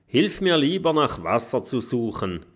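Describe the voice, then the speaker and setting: A man's voice: mid-range voice, sing-song, unhurried, fairly bright tone. Man playing a small earnest dragon boy. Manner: encouraging, earnest. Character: small earnest male dragon, eager and steady.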